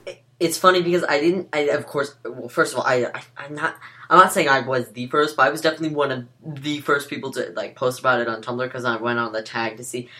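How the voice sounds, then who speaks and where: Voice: mid-range voice, fairly even intonation, fast, pushed and bright. Rambling casual podcast co-host. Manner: rambling, restarts often. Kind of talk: casual chat.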